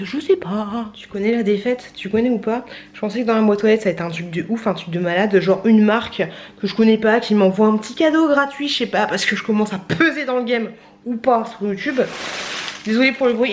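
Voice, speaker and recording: A woman's voice: medium pitch, slight background noise. A young woman, chatty and playful, vlogging casually at home with lots of fillers and asides to her viewers. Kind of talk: casual vlog chat. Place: at home, indoors and outdoors.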